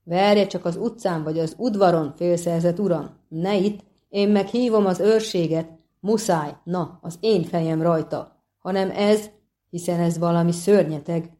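Woman reader as a no-nonsense male innkeeper, blunt and loud. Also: fairly low pitch, fairly even intonation, natural voice. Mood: dry blunt. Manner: shouting, then dry and blunt.

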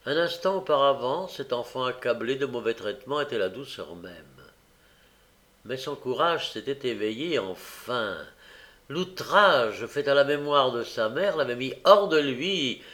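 Brief: male audiobook narrator, slow and measured, occasional hesitant fillers. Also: mid-range voice, animated, pushed and bright. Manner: unhurried, with frequent hesitant fillers. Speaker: audiobook reader. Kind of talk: novel reading.

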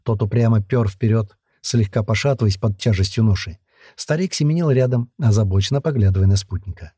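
A man narrating a fantasy audiobook in a steady storytelling manner. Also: lowish voice, fairly quick, husky, dry recording, clean studio sound.

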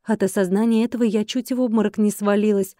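A woman reads a first-person fantasy novel aloud in a steady, even storytelling manner. Her voice is mellow and warm. The recording is dry, close and studio-clean. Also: mid-range voice, fast, no room sound. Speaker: audiobook narrator. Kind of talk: scripted first-person audiobook narration.

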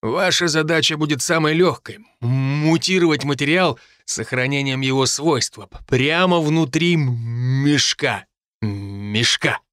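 A man's voice: medium pitch, a little slow, fairly bright tone, dry recording, studio quality, close to an everyday voice. A man doing a stuttering strict old-school professor. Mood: lecturing. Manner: stutters on consonants. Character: stuttering strict male professor, calm and exacting. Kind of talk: audiobook character voice.

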